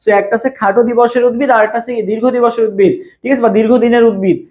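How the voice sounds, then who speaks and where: A young man with a Bangladeshi Bengali accent runs a rapid live exam-prep class. He talks at a brisk clip and circles back to the same question again and again, coaxing his viewers to answer. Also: very high voice, fairly even intonation, highs cut off. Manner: fast, repetitive, drills each question over and over. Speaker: admission test tutor.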